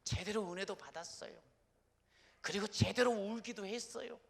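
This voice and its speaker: A man pastor preaching a sermon, moving from soft, slow prayerful lines to loud, shouted declarations. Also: high voice, gravelly, in a large hall.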